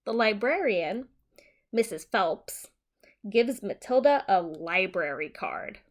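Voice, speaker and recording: A woman teacher, medium-pitched and animated, reads a simplified children's story and walks young children through it in a deliberate, simple manner.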